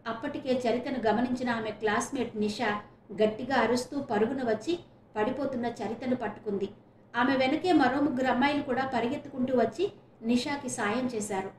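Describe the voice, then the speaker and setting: A woman narrates a serial novel in an expressive storytelling voice. Her tone is fairly high, and the room gives it a noticeable echo. A faint hiss hangs under the home-made recording. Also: a little fast. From Visakhapatnam, India. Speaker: audiobook narrator. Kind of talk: reading a serial novel aloud.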